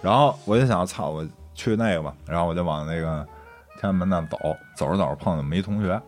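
A man's voice: low-pitched, fast talker, soft background music. A man with a Beijing accent, a podcast co-host rambling through a personal anecdote in casual chat, swearing and laughing often.

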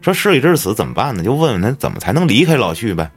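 A man's voice: very animated, fast, breathy edge, soft background music. A man, a podcast host telling a ghost story in colloquial, swear-laden style. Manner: colloquial storyteller, swears often, dramatic swings in pitch.

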